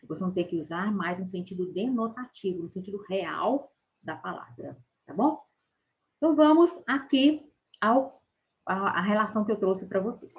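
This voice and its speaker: A woman's voice: mid-range voice, expressive. Woman teacher, patient explainer, draws out key words, frequent check-ins. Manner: explains patiently, ends phrases with "tá?"; slows down to stress key words. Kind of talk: recorded spelling lesson.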